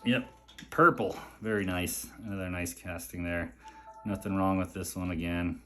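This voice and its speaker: A man's voice: sits low, fairly even intonation, moderate pace, pushed and bright. A man casually unboxing and admiring a collection, chatting along and talking to his pet between items. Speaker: collector showing a mail delivery.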